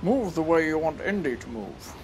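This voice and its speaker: A man chatting casually while playing a video game live, breaking into quick exclamations as he reacts. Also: fairly high pitch, expressive, noisy background. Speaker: streamer. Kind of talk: live gameplay commentary. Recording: game music playing behind.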